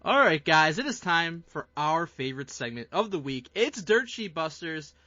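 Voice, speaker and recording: A man's voice: a little high, very animated, normal speed, pushed and bright, faint music behind. A man co-hosting a podcast, introducing a segment and teasing his co-hosts in casual chat. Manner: upbeat segment host, teasing. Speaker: podcast co-host. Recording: dry, slightly muffled podcast audio.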